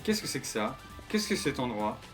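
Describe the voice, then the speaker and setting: A gaming streamer with a medium-pitched, sing-song voice talks fairly quickly, giving casual, slangy gameplay commentary. He chats with his viewers and reads game dialogue aloud, with music playing behind him.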